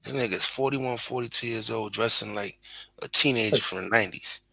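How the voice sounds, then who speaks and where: A man's voice: on the low side, brisk, creaky, crowd noise, poor audio. A man in his forties from Brooklyn with a Brooklyn accent, a guest on a video call, talking bluntly and profanely in casual chat. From Brooklyn, New York.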